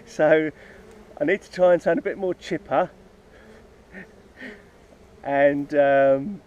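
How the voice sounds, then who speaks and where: The voice is on the high side, slow and a little mellow: a hobby beekeeper making casual, unscripted videos outside next to his hives. He rambles through his plans with lots of ums and restarts, recorded in dull lo-fi outdoor sound with insects faintly buzzing.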